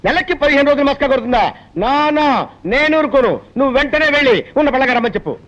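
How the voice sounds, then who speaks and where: Forgetful blustery boss, quick talker, high pitched. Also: male voice, fairly bright tone, rough recording. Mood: bossy. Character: forgetful blustering middle-aged male office boss. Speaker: office boss. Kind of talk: comic film dialogue.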